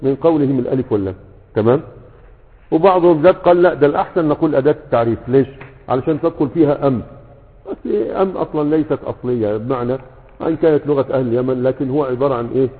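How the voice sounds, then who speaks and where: A man with an Egyptian accent teaching a grammar class, often pausing to ask his students rhetorical questions. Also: medium pitch. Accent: Egyptian Arabic. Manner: keeps checking in with rhetorical questions. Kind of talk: lecture with a class. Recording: echoey, tinny phone-like sound.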